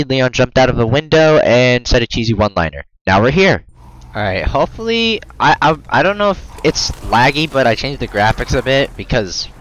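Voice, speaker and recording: A man playing a video game and commenting, rambling, swearing often and bursting into loud excited outbursts, close to his microphone. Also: mid-range voice, dry recording, rough recording. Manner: rambling, stumbling over words. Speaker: gamer. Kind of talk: let's play commentary. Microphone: close desk mic.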